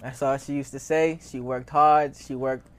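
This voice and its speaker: Speaking smoothly at a normal speed, the man has a mid-range voice with fairly even intonation. A record label founder appearing as an interview guest, he is nineteen, Haitian-born and Maryland-raised from age seven, with an American accent, and his talk is casual, slangy, and full of repeated phrases.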